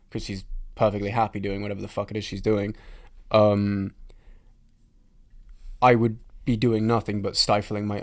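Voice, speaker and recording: A man's voice: lowish voice, a little mellow. A man hosting a podcast, talking in casual chat, frank and reflective, swearing freely. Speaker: podcast host.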